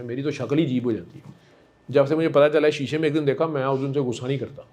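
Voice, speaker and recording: A man counseling a patient in a gentle, coaxing and affectionate way, repeating himself warmly. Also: medium pitch. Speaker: spiritual healer counseling a patient. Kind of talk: one-on-one counseling session.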